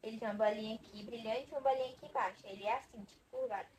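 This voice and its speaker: A woman's voice: a little high, racing, a little mellow, a little hiss or hum, low-quality recording. Chatty, dramatic young Brazilian vlogger woman. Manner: chatty and dramatic, swearing to her viewers. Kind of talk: casual chat to camera.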